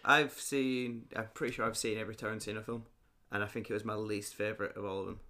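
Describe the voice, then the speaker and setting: A man's voice: on the low side, little pitch movement, fast talker, sharp tone. A man co-hosting a podcast in casual chat, with short, dry replies. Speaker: podcast co-host.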